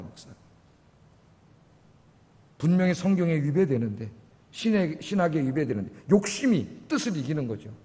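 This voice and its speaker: A middle-aged male pastor preaches with a sore throat, pressing the congregation with rhetorical questions. His voice sits high and swings widely in pitch. It rings with a long reverb through the sanctuary. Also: a little mellow. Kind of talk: sermon. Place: church sanctuary. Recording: long church-hall reverb.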